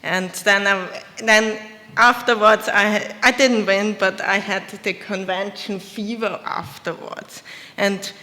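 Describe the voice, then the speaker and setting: Panelist: woman, bright voice, hesitant storytelling, reverberant hall. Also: medium pitch, steady tone, takes it slowly. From Austria. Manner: hesitant, self-correcting storytelling. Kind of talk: convention panel talk. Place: convention panel room. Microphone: shared handheld mic.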